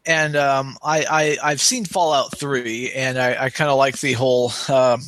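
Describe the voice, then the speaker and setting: Bright-voiced man on a dry podcast mic. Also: medium pitch, level tone, no echo, rough recording. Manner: halting, stumbling with restarts. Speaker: podcast co-host. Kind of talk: casual podcast chat.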